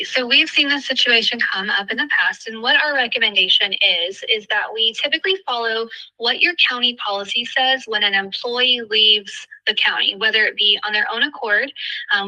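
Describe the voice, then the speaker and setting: A woman heard over a speakerphone, calmly and methodically explaining policy as an adviser on a call. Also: medium pitch, rough recording.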